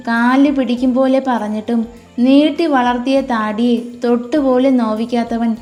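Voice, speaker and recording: A bold, cheeky young woman speaks with quick, teasing retorts, as a woman narrator puts her on, her voice pushed up higher than the narration. Faint music runs under this storybook reading. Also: fairly even intonation, mellow, lightly acted. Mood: sharp.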